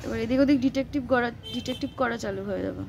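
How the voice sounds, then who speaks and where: High-voiced woman coaxing her dog outdoors. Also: very fast, creaky, darkish tone, a little hiss or hum. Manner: scolding and coaxing, repeats short commands. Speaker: dog owner. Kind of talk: talking to her dog on a walk. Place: outdoors on a street.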